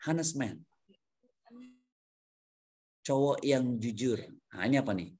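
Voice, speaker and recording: A man's voice: medium pitch, animated, slow pace, a little mellow, husky. A man teaching an English grammar lesson to adult learners over a video call, coaxing answers, repeating them back and mixing English words into his explanations. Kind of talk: online class teaching.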